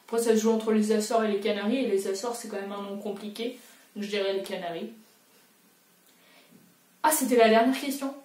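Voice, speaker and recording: Here a booktuber in her young adult years, her voice fairly high and somewhat mellow, works through a quiz in a relaxed vlog manner. She pokes fun at herself and thinks aloud, sitting back from a distant mic in a large, reverberant room.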